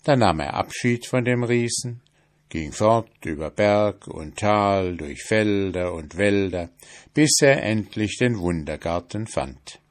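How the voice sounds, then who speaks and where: Slow, low-voiced male storyteller. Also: expressive. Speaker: audiobook narrator. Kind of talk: scripted fairy tale narration.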